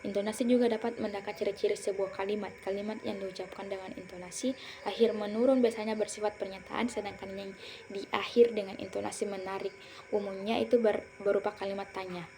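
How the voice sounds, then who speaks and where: Young woman presenting with a mellow voice. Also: medium pitch, fairly even intonation, fast talker, slight background noise. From Indonesia. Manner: explanatory, with frequent fillers and self-corrections. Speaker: student presenter. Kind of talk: academic presentation.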